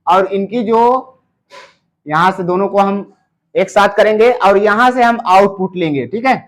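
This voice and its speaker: A man teaching amplifier repair step by step, often pausing on "theek hai" and addressing viewers as friends. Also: high voice. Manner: explains slowly, filling gaps with "theek hai" and "doston". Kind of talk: step-by-step technical tutorial.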